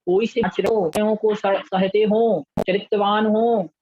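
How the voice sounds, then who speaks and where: Slow-chanting man teaching scripture. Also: high voice, steady tone, darkish tone, a little hiss or hum. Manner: slow drawn-out syllable-by-syllable recitation, then brisk explanation. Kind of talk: recitation lesson with call-and-repeat chanting. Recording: muffled lo-fi dry audio.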